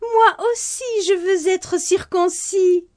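A woman's voice: very high voice, fairly even intonation, takes it slowly, darkish tone, voice pushed up. A woman voicing a stubborn young boy who was born a snake, pleading and sulky, in a told folk tale. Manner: whiny, pleading, threatening to sulk. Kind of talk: storybook narration.

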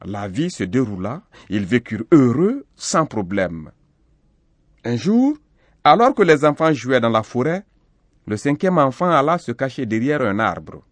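A man narrating a folktale slowly and expressively. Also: medium pitch, dry recording. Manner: slow, expressive. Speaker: storyteller.

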